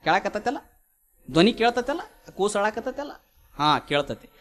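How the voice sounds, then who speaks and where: A man putting on a serene wandering holy man who answers a king calmly and firmly, in a North Karnataka Kannada accent. The voice is fairly high and the speech measured and plain. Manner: calm, plain-spoken, measured. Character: calm wandering holy man, old, unshaken.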